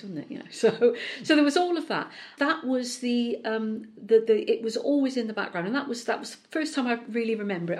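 A middle-aged woman from Bristol with a West Country accent softened by South Wales, talking chattily in an interview with frequent restarts and rolled R's. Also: medium pitch. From Bristol, England. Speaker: politician, interview guest. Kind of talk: conversational interview.

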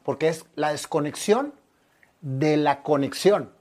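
A man hosting an interview, asking measured, reflective questions. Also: on the high side, a little mellow. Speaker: interview host. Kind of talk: conversational interview.

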